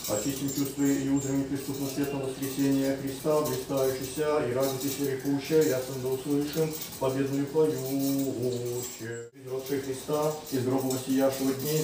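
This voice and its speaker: A middle-aged man, an Orthodox hieromonk, chanting slow liturgical prayers in a small room of a house. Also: mid-range voice, background noise. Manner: slow sung chanting in Church Slavonic. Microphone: far camera. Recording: echoey room, voice from far off.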